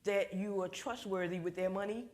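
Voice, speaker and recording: Woman, church money class, lively storytelling. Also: medium pitch, normal speed. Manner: animated storyteller, acts out voices. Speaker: ministry financial class leader. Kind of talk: church group discussion.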